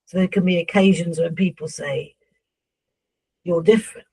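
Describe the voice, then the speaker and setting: A woman speaking as a seance medium in trance, voicing a solemn, instructive spirit guide who addresses humans, with a husky voice. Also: lowish voice, steady tone, normal speed, a little mellow.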